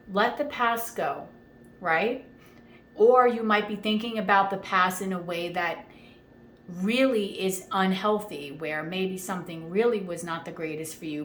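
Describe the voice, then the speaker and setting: A woman's voice: lowish voice, fairly bright tone. A woman reading tarot cards in a chatty, reassuring way, often checking in with the listener. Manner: chatty, reassuring, frequent "okay?" check-ins. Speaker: tarot reader. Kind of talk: casual tarot reading monologue. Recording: echoey room with faint ambient noise.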